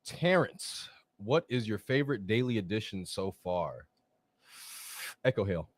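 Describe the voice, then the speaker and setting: A man's voice: on the low side, expressive, unhurried. A man co-hosting a live chat, talking earnestly and filling his speech with "like". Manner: earnest, chatty, says "like" a lot. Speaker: co-host. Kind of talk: casual live-stream chat.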